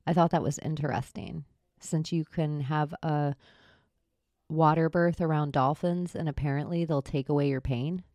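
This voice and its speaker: A woman's voice: deep voice, steady tone, moderate pace, dark tone, no room sound. A woman delivering an opinionated, colloquial monologue in a blunt, sarcastic way, like a vlogger.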